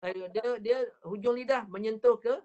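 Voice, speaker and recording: A man with a Malaysian Malay accent teaching an online Quran recitation class, patiently repeating drills and drawing words out slowly to demonstrate. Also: very high-pitched, fairly even intonation, a little mellow, muffled recording.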